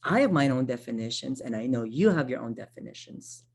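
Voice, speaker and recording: A Tagalog-speaking social worker from the Philippines gives an online workshop conversationally, often checking in with "right?" and restarting phrases. Her very deep, bass-like voice is animated and brisk, creaky and husky with a darkish tone.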